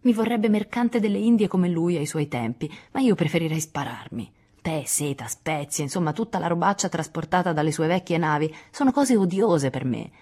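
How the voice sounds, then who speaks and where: A woman voicing a restless, excitable teenage boy who resents his duties in a storybook reading. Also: low voice, fairly quick, slightly rough, heavily acted. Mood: rebellious. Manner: excitable, rebellious.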